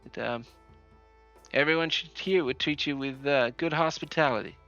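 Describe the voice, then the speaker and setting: A man voicing a hospitable female settlement leader in a put-on Southern US accent, halting and friendly with many fillers. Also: fairly high pitch, bright, forceful tone. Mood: welcoming. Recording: dry, slightly dull, faint music.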